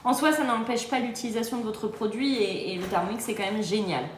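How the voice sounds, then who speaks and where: She's on vacation, livestreaming from her phone in an echoey location and breezily replying to viewer comments with plenty of laughter. By trade a kitchen-appliance sales adviser, she speaks fairly fast at a fairly high pitch, and the room echo comes with slight background noise.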